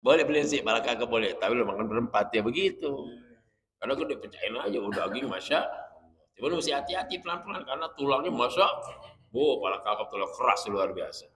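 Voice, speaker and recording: A man's voice: mid-range voice, lively intonation, fast, fairly bright tone. A man giving a religious study lecture as a teacher, chatty and jokey while explaining Arabic terms. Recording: long hall reverb.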